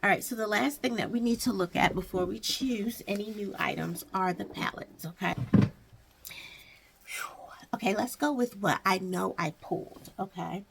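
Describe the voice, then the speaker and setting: In a casual makeup stash chat, a beauty vlogger rambles to her viewers, thinking aloud and correcting herself. She speaks at a normal pace in a medium-pitched voice with vocal fry, over audible background noise.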